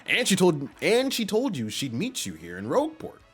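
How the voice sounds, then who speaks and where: A man's voice: high voice, huge pitch swings, normal speed, fairly bright tone, slightly rough, soft background music, pitched above the performer's own voice, heavily acted. A man voicing a fussy old male mushroom butler, throaty, pompous and genteel. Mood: fretful.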